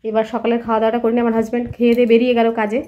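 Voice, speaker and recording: A quick-talking woman in her thirties narrates her day straight to her viewers, with a slight rural Bengali lilt and lots of fillers. Her voice sits a little high, and she is recorded on a camera held some way off, at home and outdoors. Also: completely flat delivery, muffled recording. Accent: Bengali with a slight rural Jessore-Khulna lilt. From India. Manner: chatty, addresses viewers directly, frequent fillers. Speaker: vlogger. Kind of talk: casual vlog narration. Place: home and outdoors while running errands.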